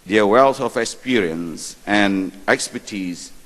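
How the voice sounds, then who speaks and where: A man moderating a formal conference session, introducing speakers in a measured way with light asides. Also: fairly low pitch, fairly bright tone. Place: large conference hall. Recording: reverberant hall.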